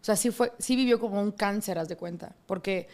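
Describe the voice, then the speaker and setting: A fairly quick, medium-pitched woman's voice: she's a radio host appearing as a guest in a casual interview, telling her own story. She's animated and acts out the voices of the people she quotes.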